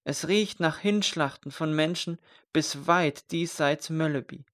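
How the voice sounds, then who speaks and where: A man's voice: a little high, measured pace, fairly bright tone, pitched above the performer's own voice. A man reading a story aloud, voicing a young male scribe who cries out in grief and horror. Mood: distraught. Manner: anguished, crying out.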